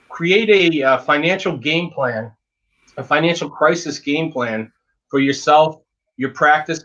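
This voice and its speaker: A man's voice: fairly high pitch, bright, forceful tone, lo-fi sound. A dentist giving frank, emphatic advice in a casual interview, often repeating words as he talks.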